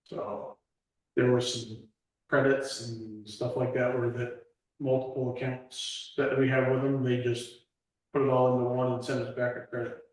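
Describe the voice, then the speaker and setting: A man giving a club treasurer's and trail report at a meeting, reading figures slowly with many fillers. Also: mid-range voice, flat delivery. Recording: echoey room, mic far off.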